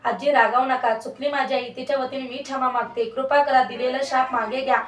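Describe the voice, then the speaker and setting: A woman's voice: sits high, steady tone, brisk, close to an everyday voice. Woman reading as a pleading young princess. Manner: pleading, earnest. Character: young princess begging forgiveness. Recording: echoey room, voice far from mic.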